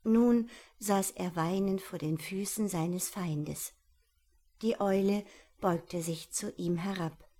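A woman narrating a children's storybook in a calm, measured, softly expressive way. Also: medium pitch.

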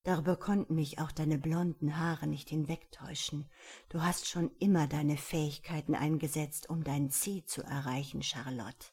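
A woman's voice: low voice, steady tone, normal speed, a little mellow, slightly rough. A woman voicing a mysterious, seductive man who murmurs intimately to his lover. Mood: insistent.

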